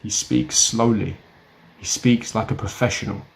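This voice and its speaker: Speaking straight to camera, a young man delivers blunt self-help advice, lecturing the viewer emphatically and repeating his key points. His voice is on the low side and gravelly, with fairly even intonation at a normal speed.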